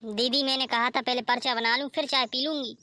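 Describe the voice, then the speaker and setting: A woman's voice: high-pitched, fairly even intonation, fairly quick, pushed and bright, dry recording. A woman voicing a polite, apologetic young daughter-in-law in a cartoon story.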